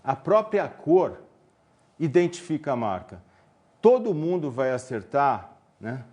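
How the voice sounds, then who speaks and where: Speaking slowly with a fairly high, very animated and slightly mellow voice, this man has a Brazilian Portuguese accent. He presents a live online marketing class, chatting and joking with his audience and using many fillers.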